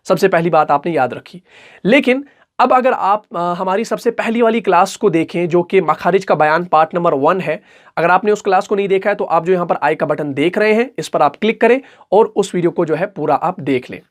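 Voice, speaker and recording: Guy teaching a recitation class online, drags out the example words real slow, keeps asking okay?. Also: high-pitched. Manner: stretches example words out slowly, checks in with "okay?" often.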